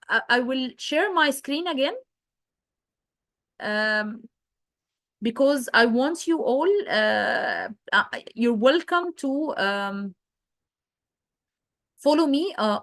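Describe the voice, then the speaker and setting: A woman's voice: a little high, lively intonation, slow, long pauses, fairly bright tone, dry recording, clean studio sound. A woman presenting a geology webinar, answering questions live in a hesitant way with many fillers.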